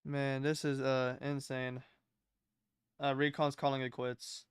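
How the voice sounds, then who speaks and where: A young man chats as co-host of a livestream in informal slang. His voice is strikingly clear and fairly monotone, with a mid pitch and a dry sound. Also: slow, no echo. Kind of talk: casual chat.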